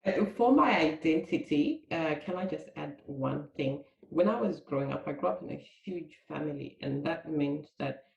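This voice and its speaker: A woman's voice: low-pitched, animated, normal speed, gravelly, hardly any pauses, darkish tone. A middle-aged woman with a Zimbabwean accent, a podcast guest speaking in an articulate, reflective way. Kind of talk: casual podcast interview. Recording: dull, roomy recording.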